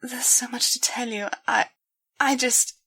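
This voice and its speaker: A woman acts out a young female pony in a dramatized story, distraught and weighed down by guilt, stammering and hesitating as she forces out a pleading apology. The heavily acted, high voice is sharp with a breathy edge, unhurried, with fairly even intonation and a hesitant, pained mood.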